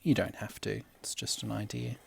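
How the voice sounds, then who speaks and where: A young man, a primary school teacher, gently talking children through a drawing step by step. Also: lowish voice, flat delivery, creaky, slightly rough. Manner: gentle, unhurried, talks while drawing. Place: classroom at school.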